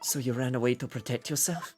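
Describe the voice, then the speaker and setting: A man's voice: mid-range voice, brisk, a little mellow, faint music behind, lightly acted. A man voicing an eccentric, inquisitive detective in a video game, with pompous, theatrical phrasing. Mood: musing. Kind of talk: video game voice-over read aloud.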